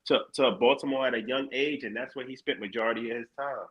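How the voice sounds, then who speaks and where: Brief: quick New man, slangy co-host, husky edge, dull lo-fi mic. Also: medium pitch, steady tone. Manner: fast, bright, slangy. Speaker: podcast co-host. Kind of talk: casual chat.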